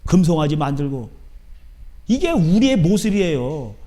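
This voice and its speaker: A middle-aged male pastor preaching a sermon in a church, talking emphatically with constant rhetorical questions and sudden shouts. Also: big pitch swings, moderate pace. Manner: swings between loud shouting and low asides. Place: church sanctuary.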